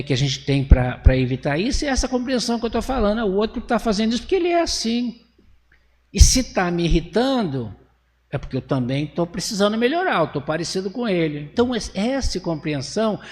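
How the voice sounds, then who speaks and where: Brazilian male lecturer with a slightly high voice and a long hall echo. Talks casually, poses rhetorical questions. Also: darkish tone. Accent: Brazilian Portuguese. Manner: conversational, asks the audience rhetorical questions; acts out voices and lowers his voice for effect. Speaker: spiritist lecturer. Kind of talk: religious lecture.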